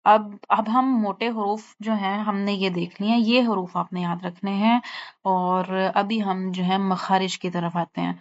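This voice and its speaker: A woman's voice: mid-range voice, fairly even intonation, muffled recording. A woman teaching pronunciation of Arabic letters, patiently drawing out and repeating each sound and often checking that students follow. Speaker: Quran recitation teacher. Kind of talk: online lesson on letter pronunciation.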